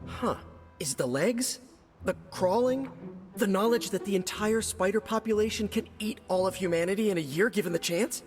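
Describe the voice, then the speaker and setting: A man's voice: high-pitched, moderate pace, in a large hall, soft background music, natural voice. An actor playing an eager, joking young male spider hero in a video game. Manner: playful, eager to please.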